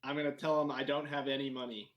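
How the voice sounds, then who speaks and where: A man playing a tabletop role-playing game, stating his moves in a dry, matter-of-fact way with deadpan jokes. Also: medium pitch, quick pace, highs cut off. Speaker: player. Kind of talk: casual in-character play.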